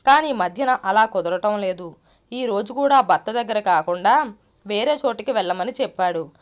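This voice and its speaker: A woman storyteller reading a scripted story in a steady, measured way. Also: medium pitch.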